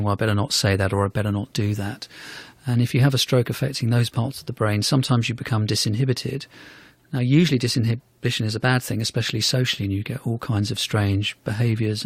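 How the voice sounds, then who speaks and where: A man, a neurology professor, explaining in a radio interview in a measured, thoughtful way, often softening his points with "sort of". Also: fairly low pitch, creaky, husky, dry recording. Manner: measured, thoughtful, fond of hedges such as "sort of".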